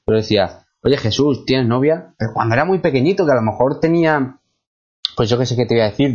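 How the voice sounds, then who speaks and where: A man from hosts a relaxed radio talk show, chatting and drawing stories out of his guests. His voice is at a middle pitch. The recording sounds slightly muffled and lo-fi. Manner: conversational, prompting guests.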